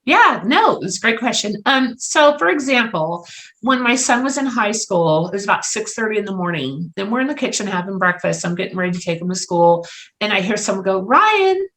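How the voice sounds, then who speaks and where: Middle-aged woman telling lively stories. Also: medium pitch, a little fast. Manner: lively anecdotal storyteller, acts out dialogue. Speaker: psychic medium guest. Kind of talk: casual storytelling chat.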